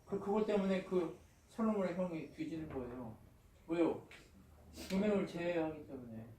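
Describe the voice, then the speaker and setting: A man's voice: on the high side, animated, moderate pace, dark tone, a little hiss or hum. A man preaching a sermon as pastor. He keeps asking the congregation questions and answering them himself, and retells Paul's words in blunt casual speech. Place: church sanctuary. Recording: roomy, from a distance.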